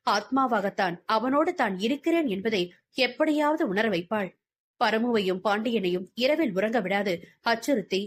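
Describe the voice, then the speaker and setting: A woman reading a novel aloud as an audiobook narrator with dramatic storytelling. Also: on the high side.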